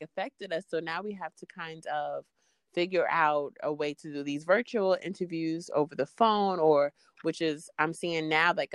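Low-pitched woman. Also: no echo, clean studio sound. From Queens, New York. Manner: informal, peppered with "like" and "you know". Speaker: interview guest, freelance podcaster. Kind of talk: casual conversational interview.

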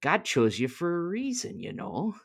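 A man's voice: fairly high pitch, very animated, a little slow, pitched above the performer's own voice. A man voicing Joseph, a fussy, apologetic husband who soothes his wife. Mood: reassuring. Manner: soothing, flustered.

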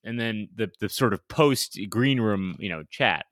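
A man's voice: lowish voice, lively intonation, a little slow, fairly bright tone, no room sound, studio quality. A man co-hosting a podcast in casual banter, joking, laughing often and trying out silly accents. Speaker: podcast co-host.

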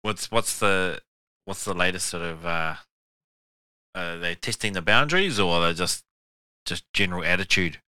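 A man's voice: low-pitched, normal speed, pauses often, sharp tone, clean tone, dry recording, rough recording. A middle-aged man hosting a casual chat, laid-back and slangy, swearing freely.

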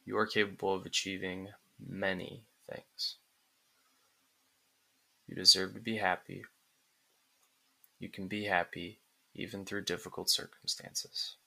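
Guy doing a sleep story style relaxation narration, kinda low creaky voice, calm and soothing, lots of pauses. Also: poor audio.

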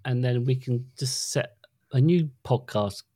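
Middle-aged man, co-host, relaxed chatty delivery, mellow tone, dry close sound. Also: mid-range voice, measured pace, no room sound. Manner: chatty, easygoing, with stumbles and restarts. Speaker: podcast co-host. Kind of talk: casual chat.

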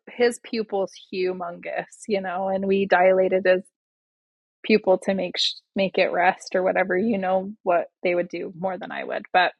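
A middle-aged woman telling a story in casual chat, animated and full of fillers, acting out the voices of the people in it. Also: medium pitch, no room sound, highs cut off. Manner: animated, acts out quoted voices, many fillers. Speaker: podcast guest, doula.

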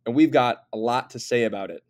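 A man's voice: medium pitch, fairly quick, a little mellow. A man hosting a sports podcast in casual talk, chatty and hesitant with frequent fillers. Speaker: podcast host.

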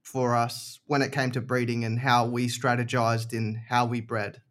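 A man's voice: mid-range voice, little pitch movement, normal speed, a bit bright. A man chatting casually as a podcast guest, explaining things informally and repeating short phrases for emphasis. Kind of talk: casual chat.

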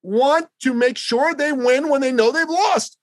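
A Canadian man hosts a political podcast, talking with passion and repeating phrases for emphasis. His voice is very high and unhurried, recorded dry with studio quality.

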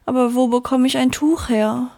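Storybook sun, female, sighing self-pity, pitched a little higher than the reader's own voice; a woman puts it on. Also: fairly even intonation, normal speed, gravelly, warm tone. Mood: despairing. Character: sad, lonely, clumsy female sun.

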